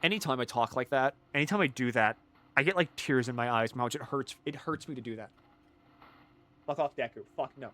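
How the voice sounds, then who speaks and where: A man with a cold chatting casually while streaming a game, rambling and swearing, swinging from mumbled asides to loud jokey bits. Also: mid-range voice, quick pace. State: has a cold. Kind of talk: casual gaming stream chat.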